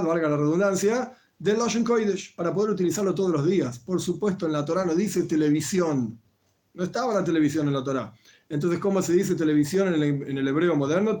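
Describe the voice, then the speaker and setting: A man giving a live-streamed explanatory talk as a religious teacher, measured and patient, with frequent restarts. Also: high voice, a little mellow.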